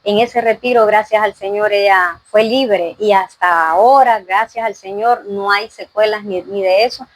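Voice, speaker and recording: A woman's voice: mid-range voice, normal speed, hardly any pauses, no echo, low-quality recording. A woman giving an earnest faith testimony in an interview, full of fillers and "¿verdad?".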